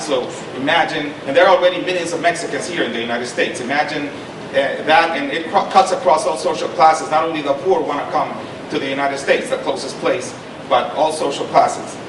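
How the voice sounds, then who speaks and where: A middle-aged Honduran panelist who lectures in Spanish tells a personal story in a fairly high, brisk voice, speaking earnestly, repeating and restarting phrases, and stressing points with "okay?" to check on his audience. The mic is distant in an echoey, noisy lecture hall.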